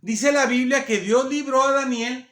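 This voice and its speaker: High-voiced preacher in an echoey hall. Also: male voice, steady tone, fairly bright tone. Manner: earnest, explains slowly and repeats phrases. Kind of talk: sermon. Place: church hall. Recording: echoey room.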